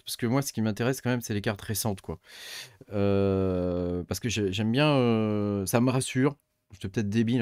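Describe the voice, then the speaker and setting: A man's voice: lowish voice, darkish tone, no room sound. Hesitant man explaining, dry close sound. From Europe. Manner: hesitant, many fillers and restarts. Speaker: crypto mining YouTuber. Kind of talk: casual screen-share explainer.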